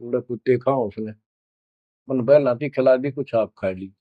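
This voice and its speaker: A man's voice: medium pitch, moderate pace, no room sound, lightly acted. A man voicing a faithful village man who explains earnestly, in slightly muffled audio. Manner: earnest, reassuring.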